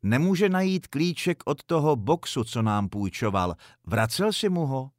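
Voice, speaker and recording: A man's voice: mid-range voice, very animated, no echo, clean studio sound, natural voice. A man voicing a practical, matter-of-fact young wife in a storybook reading.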